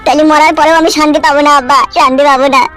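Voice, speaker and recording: A woman's voice: high voice, fairly even intonation, racing, a bit bright, soft background music. A woman voicing a disgraced young man who pleads and whines to his father in a comedy cartoon. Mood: pleading. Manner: pleading, whining.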